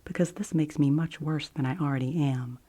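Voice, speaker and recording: A woman giving a whispered ASMR book review and reading in a soft library whisper, gentle and deliberate, with long pauses. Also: sits low. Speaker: ASMR host.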